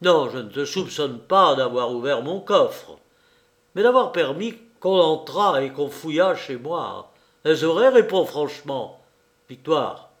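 A man reading aloud and voicing a composed, commanding gentleman who speaks firmly and with dry irony. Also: on the high side, animated, measured pace. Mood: stern questioning. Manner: firm, sardonic, raised voice. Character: cool, commanding gentleman hero, ironic. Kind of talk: audiobook reading.

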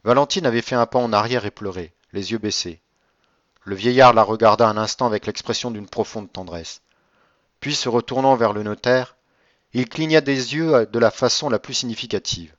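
A man narrating a classic novel in a steady, measured reading. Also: medium pitch, no echo. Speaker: audiobook reader. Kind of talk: scripted narration. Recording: dry, slightly dull recording.

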